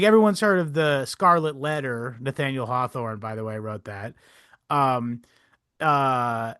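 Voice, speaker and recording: A young adult man co-hosting a casual history podcast, rambling and animated, swearing and laughing often. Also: mid-range voice, clear, resonant tone, no room sound, studio quality. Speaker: podcast co-host.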